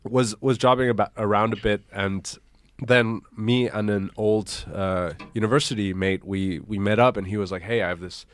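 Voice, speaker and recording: A man's voice: fairly low pitch, steady tone, moderate pace, hardly any pauses, no echo. A man from Hong Kong, a startup founder, chatting casually as a guest in a live podcast interview.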